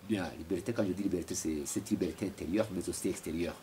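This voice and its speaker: Low and dark, his voice moves at a quick pace as he answers interview questions from home. He is a philosopher from Rwanda in his forties who hesitates a lot and repeats himself, and the home recording is noisy.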